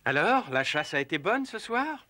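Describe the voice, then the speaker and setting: Bagheera, an animated high-voiced panther. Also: male voice, moderate pace, heavily acted. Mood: friendly. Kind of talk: French cartoon dubbing.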